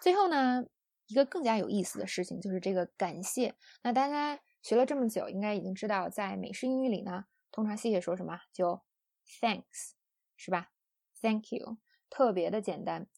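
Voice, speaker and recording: A woman's voice: mid-range voice, moderate pace, gravelly, no room sound, clean studio sound. A woman English teacher explaining word usage to students in a friendly, chatty way. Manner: friendly and chatty, with soft sentence-final particles.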